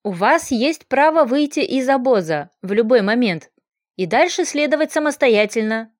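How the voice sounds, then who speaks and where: Decisive caravan commander, read by a woman, firm and measured. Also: fairly high pitch, expressive, dry recording, clean studio sound, lightly acted. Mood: resolute.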